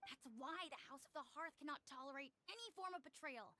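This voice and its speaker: A woman voicing a high, scheming boy snitch. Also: fast, pushed and bright. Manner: cool, tattling, matter-of-fact. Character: scheming young boy informant.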